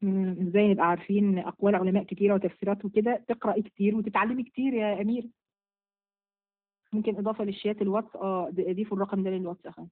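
A woman's voice: mid-range voice, little pitch movement, rapid-fire. A woman with an Egyptian accent, a religious teacher answering viewers' questions in a live session, firm and motherly, blessing each asker by name. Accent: Egyptian Arabic. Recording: phone-like narrow sound.

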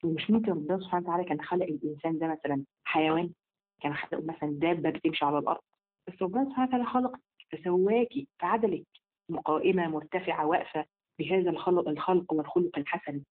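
A woman with an Egyptian Arabic accent teaches a live online religious lesson at a rushing pace. Her voice is husky, and she slows down only to recite scripture. The sound is thin and tinny, like a phone line. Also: fairly low pitch. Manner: rapid and emphatic, slowing for scripture recitation.

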